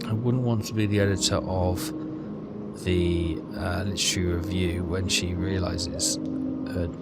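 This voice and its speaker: A low male voice with a level tone speaks at a measured pace. He's a gamer recording a walkthrough, muttering hesitantly and puzzling things out aloud, with game music in the background.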